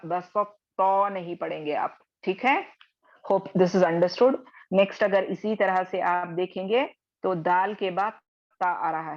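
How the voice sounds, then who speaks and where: A woman teaching a recitation class over a video call, patiently explaining and slowly repeating each example. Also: on the low side, highs cut off. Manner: slow drawn-out recitation of examples. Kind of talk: online class lesson.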